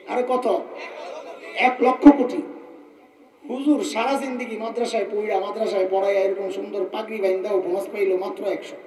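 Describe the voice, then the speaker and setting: A Bangladeshi man delivering an animated Islamic sermon in colloquial Bengali, asking the crowd questions and chanting Arabic verses in a drawn-out sing-song. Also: sits high. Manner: asks the crowd questions and jokes with them. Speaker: preacher. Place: mosque or large gathering. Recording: echoey, distant mic with faint noise.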